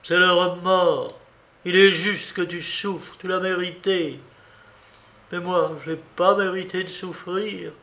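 A man's voice: sits high, fairly even intonation, slow pace, sharp tone, pitched above the performer's own voice, full character voice. A man reading a storybook who voices a wounded, betrayed mistress of the house, accusing and reproachful. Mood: bitter reproach.

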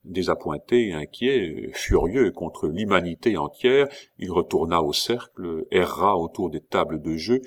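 A man narrating a novel aloud at a steady, measured pace. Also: low voice.

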